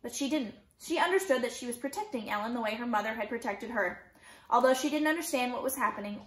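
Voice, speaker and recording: A woman teacher reads a novel aloud, keeping a steady, gentle storytelling pace. Her voice sits a little high. The recording has a roomy echo.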